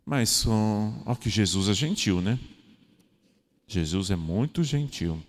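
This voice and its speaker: Lively preaching priest in a reverberant church. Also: male voice, on the low side, slow. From Brazil. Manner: lively, jokey preaching with acted-out everyday voices. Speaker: parish priest. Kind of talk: homily.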